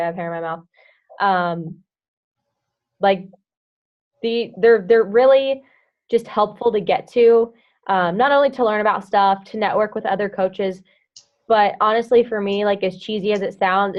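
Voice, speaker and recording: Young woman, team coach, casual and rambling with lots of fillers. Lo-fi, muffled audio. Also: medium pitch. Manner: chatty, heavy use of "like" and "um", hums filler sounds. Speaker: team coach leading a group call. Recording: dull lo-fi audio.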